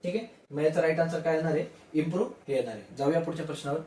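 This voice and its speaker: Fast-talking male teacher, roomy sound. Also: fairly high pitch, mellow. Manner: asks questions and answers them himself; explains slowly with everyday examples. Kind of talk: exam-prep lesson. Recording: roomy, distant mic.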